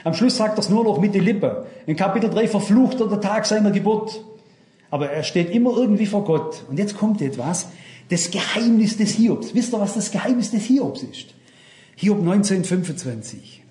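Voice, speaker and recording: A man's voice: high-pitched, lively intonation, normal speed, warm tone, roomy sound. An older man preaching a sermon, fervent and speaking straight to his congregation with questions.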